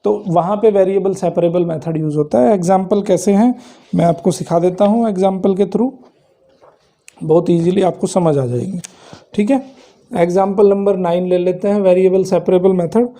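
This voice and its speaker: A man's voice: high-pitched, moderate pace, dark tone. A male math teacher giving a classroom lecture, explaining each step and asking then answering his own questions.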